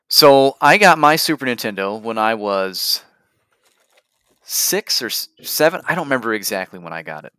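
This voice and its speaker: A man's voice: medium pitch, sharp tone, no echo, clean studio sound. A man co-hosting a casual gaming podcast, eager and building up to a story of his own.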